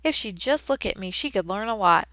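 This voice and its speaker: Woman narrator for kids' audiobook, expressive and playful, crisp bright tone, dry studio sound. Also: mid-range voice, brisk, dry recording. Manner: expressive, playful storytelling with lively emphasis. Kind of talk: first-person children's audiobook narration, as a classroom hamster.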